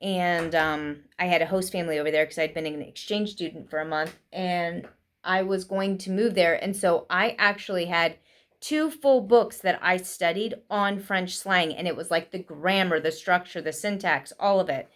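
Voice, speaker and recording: Quick, chatty woman. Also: lowish voice, fairly bright tone. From United States. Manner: quick, chatty, with frequent fillers. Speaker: vlogger teaching English learners. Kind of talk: casual spoken lesson.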